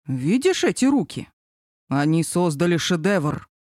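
A man's voice: a little high, sing-song, unhurried, a little mellow, no room sound, studio quality. A woman reading an audiobook, voicing a brash, teasing male coworker. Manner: cheeky, teasing.

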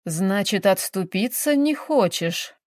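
A crafty old village witch who takes her time, every word slow and knowing with a quiet mocking edge, as a woman reads her in a storybook. Her voice sits at a middle pitch and sounds dry and close. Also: expressive, no room sound. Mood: measured.

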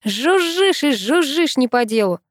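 A woman's voice: sits high, sing-song, a little slow, no room sound, studio quality, voice pushed up. A woman voicing a teasing young man. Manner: playful, mocking banter. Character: teasing young man, Polina's best friend.

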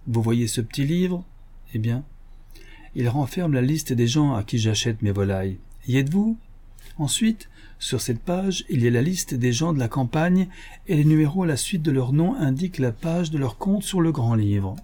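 A man reading an audiobook, voicing an angry, gruff poultry dealer. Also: mid-range voice, animated, normal speed, mellow, pitched above the performer's own voice, natural voice. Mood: brusque. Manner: gruff, blustering.

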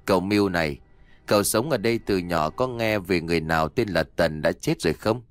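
A man voicing a calm, wise old male exorcist master who speaks in a measured, instructive way. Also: low voice, no echo, studio quality, natural voice.

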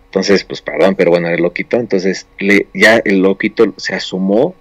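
A man tells a story in a casual, rambling way, full of restarts and fillers. His voice sits on the low side. The sound is dry and close, with no room around it. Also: steady tone, a little fast, no room sound, highs cut off. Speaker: storyteller on a paranormal show.

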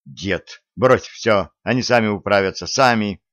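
A man's voice: on the low side, measured pace, fairly bright tone, no room sound. A man voicing an earnest young woman who pleads and urges in an audiobook. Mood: urgent. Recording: dry, slightly dull audiobook recording.

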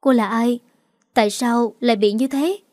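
A woman voicing a quick-witted young servant girl who speaks humbly and pleads. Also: fairly high pitch, fairly even intonation, darkish tone, dry recording, studio quality, close to an everyday voice. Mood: questioning.

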